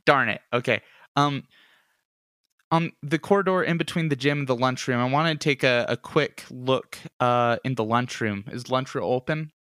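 A man playing the detective in a tabletop murder-mystery game. He sounds wry and playful and stumbles over his words, with a smooth, resonant voice recorded dry and close. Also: mid-range voice, normal speed, fairly bright tone, no room sound. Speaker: player as detective. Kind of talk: casual tabletop role-play.

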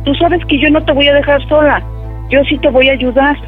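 A middle-aged woman on the phone, talking as a mother, anxious and quick to swear. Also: high voice, steady tone, narrow, tinny audio, soft background music. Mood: pleading. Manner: anxious, then furious and swearing. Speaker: prank call victim, mother. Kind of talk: phone conversation.

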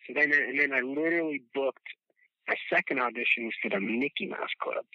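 A man in his thirties from the Chicago area, a podcast guest telling rambling, animated stories with casual swearing and laughter. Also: medium pitch, brisk, no echo. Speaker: podcast guest, former child actor. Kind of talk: casual storytelling chat. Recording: dull, dry lo-fi sound.

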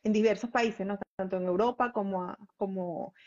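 A woman's voice: medium pitch, steady tone, moderate pace, a little mellow, lo-fi sound. A woman hosting a live interview, asking long, winding questions and repeating words as she searches for them. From Venezuela. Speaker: host.

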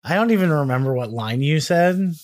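A man's voice: a little high, expressive, fairly quick, darkish tone. A man with a slight Texan accent co-hosting a podcast, trading wry, sarcastic comebacks in a casual chat. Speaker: podcast co-host.

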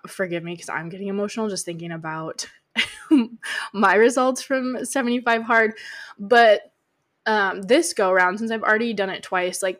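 A woman co-hosting a podcast, speaking candidly and reflectively with many pauses. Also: mid-range voice, a bit bright. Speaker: podcast co-host. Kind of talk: casual podcast chat.

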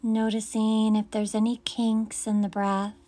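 Slow, soothing woman guiding meditation. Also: a little high, monotone. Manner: soft, slow, soothing invitations. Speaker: meditation guide. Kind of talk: guided meditation.

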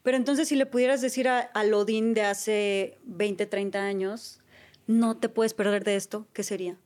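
A woman's voice: medium pitch, steady tone, normal speed, a little mellow. Woman interviewer with a mid-range voice, asks probing, reflective questions. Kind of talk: conversational interview.

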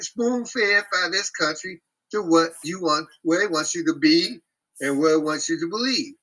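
A man hosting a casual group talk, speaking bluntly and profanely in an animated rant. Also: high voice, low-quality recording.

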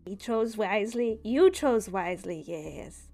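A sinister spirit of dreams, as a woman puts it on drags out every phrase in a slow, coaxing drawl. It keeps tacking on a soft "yes" like a hook. Faint music plays under it. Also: medium pitch, lively intonation, gravelly. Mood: coaxing, eerie. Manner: slow, drawn-out, hissing "yes" after phrases.

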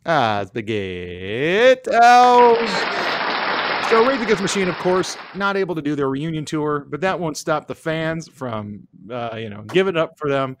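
A man's voice: on the high side, lively intonation, fairly quick, hardly any pauses, a bit bright, a faint crowd, slight background noise. A man hosting a casual comedy chat show, rambling and joking as he introduces news items. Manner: rambling, joking, frequent fillers. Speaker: show host.

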